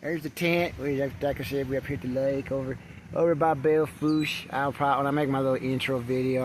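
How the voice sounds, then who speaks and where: An older man vlogs outdoors at a campsite on a handheld camera, rambling casually, swearing, and stumbling over restarts. His voice is mid-range, and the low-quality recording picks up faint wind and birds.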